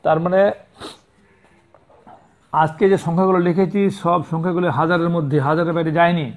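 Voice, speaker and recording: A man speaking a little fast, his voice on the high side with little pitch movement, gives a classroom math lesson to young pupils. Patient and repetitive, he keeps correcting how numbers are said and spelled, and the sound is tinny and phone-like.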